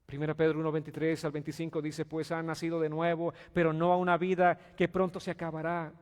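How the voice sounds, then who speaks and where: A male pastor delivers a sermon in a fairly high voice, firing questions at his congregation. He moves between soft, pleading passages and loud outbursts. The long reverb of a church sanctuary trails after every phrase. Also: completely flat delivery, fairly quick.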